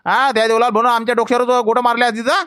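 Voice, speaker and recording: A man's voice: very high voice, flat delivery, rapid-fire, sharp tone, smooth, dry recording, clean studio sound. A man acting as a scolding village neighbor in a comedy skit, with a rustic Varhadi Marathi accent. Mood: defensive.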